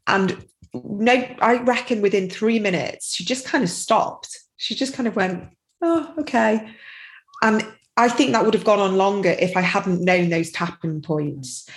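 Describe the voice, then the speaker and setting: On a casual podcast interview, a middle-aged guest who is a tapping practitioner and parent speaks at a measured pace in a medium-pitched voice. She is chatty and wandering, with plenty of "you know"s, and the recording quality is low.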